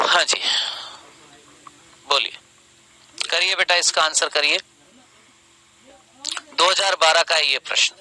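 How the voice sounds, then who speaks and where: A young man runs an online exam-question class, calling his students beta. His voice sits high and sounds tense and sharp, and he drags out key terms. He shifts between scolding and sarcastic sulking. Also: slow pace, long pauses, low-quality recording. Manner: addresses students as beta, stretches key words. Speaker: teacher.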